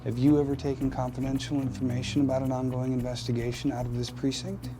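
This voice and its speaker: An actor playing a stiff, officious internal affairs investigator in a sitcom, formal and curt. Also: male voice, mid-range voice, flat delivery, quick pace, natural voice. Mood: prim. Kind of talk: sitcom acting.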